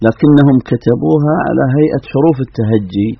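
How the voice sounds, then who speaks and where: A man's voice: mid-range voice, fast talker, gravelly, no echo. A man interviewing on radio, asking thoughtful, probing questions. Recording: dull lo-fi radio sound.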